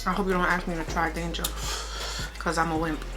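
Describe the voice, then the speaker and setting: A woman's voice: lowish voice, little pitch movement, brisk. A woman co-hosting a casual eating show, chewing while she talks in informal, slangy, repeated phrases. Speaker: mukbang co-host. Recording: music playing behind the talk.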